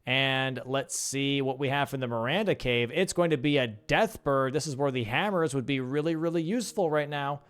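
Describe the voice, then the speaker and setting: This young man does live play-by-play of a video game match in a smooth, fairly bright mid-range voice at normal speed with barely any pauses. His casting is laid-back and full of slang, and he talks to his stream chat between calls.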